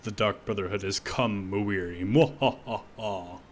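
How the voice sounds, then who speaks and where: A man playing a menacing assassin in a video game with slow, theatrical villain delivery. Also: fairly low pitch, steady tone, a bit bright, a little hiss or hum, close to an everyday voice. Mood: theatrical menace. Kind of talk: in-character game role-play.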